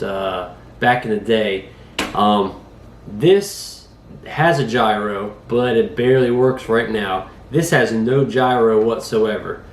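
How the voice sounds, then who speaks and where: A man getting over a cold hosts a drone review channel, chatting folksily from his kitchen table with plenty of fillers. His voice is mid-range with a darkish tone. The room is echoey, and there's a little hiss or hum.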